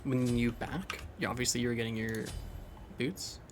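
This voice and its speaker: Over gameplay and some background noise, a young man who commentates games explains a build in an unhurried, medium-pitched voice. He thinks aloud casually, rambling loosely and restarting his sentences.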